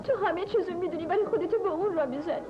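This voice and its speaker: A young woman who pleads and whines through tears, her voice very high. The dub sounds dull and muffled. Clear music plays behind her. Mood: pleading. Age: young adult. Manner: whiny, pleading. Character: tearful, pleading young woman seeking money and escape. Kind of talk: Persian film dubbing. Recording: dull dubbed film audio with music.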